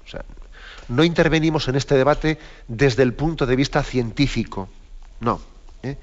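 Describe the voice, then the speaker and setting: Male lecturer, mid pitch, measured and explanatory with frequent tag questions, slightly dull lo-fi recording. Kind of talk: spoken lecture to a class.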